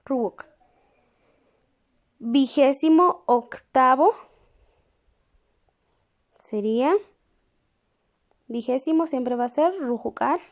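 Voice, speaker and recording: A woman teaching a lesson, speaking patiently and pausing to check in with the class. She repeats each word slowly while writing it down. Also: high voice. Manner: checks in with the class through questions. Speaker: language teacher.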